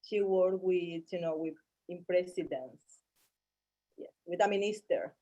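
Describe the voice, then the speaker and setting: Mellow woman with Colombian Spanish accent. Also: on the low side, highs cut off. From Barranquilla, Colombia. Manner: halting, repeats short phrases. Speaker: interview guest. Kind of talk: casual interview chat.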